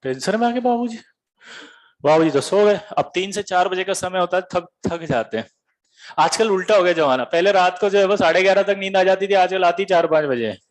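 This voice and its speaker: A teacher from Bihar, India, gives a comic classroom lecture, quizzing his students and telling stories with lots of animation. His voice is high and expressive, and he speaks briskly.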